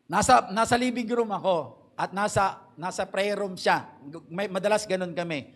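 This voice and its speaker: A middle-aged man preaching a sermon in church, polite and earnest, slowing down to stress key phrases. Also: high-pitched. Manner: slows to stress key English phrases, mixes Tagalog and English. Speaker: pastor.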